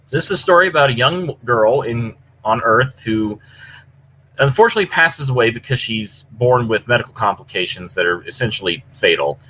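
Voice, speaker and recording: Over push-to-talk online voice chat on a computer mic, a podcast co-host gives a casual, enthusiastic and rambling review of stories. His medium-pitched voice is bright and forceful, and the audio is poor, with clear background noise.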